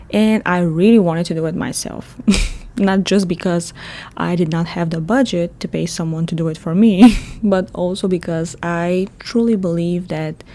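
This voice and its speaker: A Bulgarian woman in her thirties hosts a solo podcast, speaking with a Bulgarian accent. Her voice is warm and fairly low, her manner chatty, and she laughs often.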